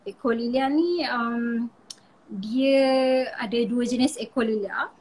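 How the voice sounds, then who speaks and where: A woman's voice: on the high side, slow pace, darkish tone, slightly rough. A Malaysian woman explaining things in a casual live interview, chatty and full of fillers, mixing in English words.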